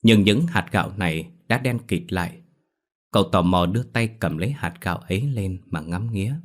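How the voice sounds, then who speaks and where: A man narrating a ghost story audiobook in a steady storytelling manner. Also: sits low, moderate pace.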